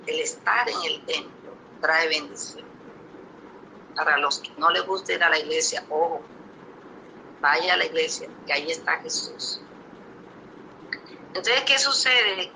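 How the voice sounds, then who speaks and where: Very bright-voiced woman preacher. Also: fairly low pitch, a little hiss or hum, low-quality recording. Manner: emphatic storytelling, frequent rhetorical questions to the congregation. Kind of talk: testimonial sermon.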